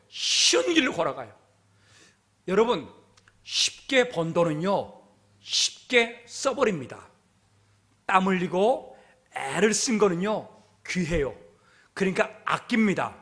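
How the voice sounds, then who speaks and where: A man preaching to his congregation with a high, bright voice that swings widely in pitch. He drives each point home and keeps asking rhetorical questions of his listeners. The delivery is emphatic and full of repetition. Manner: emphatic, repeats "everyone" and asks rhetorical questions. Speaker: pastor. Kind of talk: sermon. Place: church sanctuary.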